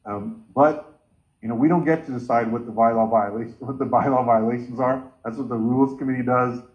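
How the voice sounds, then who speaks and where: A man's voice: medium pitch, fairly even intonation, brisk. Guy in his 40s on a video call, earnest, muffled lo-fi audio. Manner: earnest, gesturing with both hands. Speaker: caucus meeting chair. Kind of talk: online meeting remarks. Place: home room with bookshelves. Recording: dull lo-fi sound from a laptop.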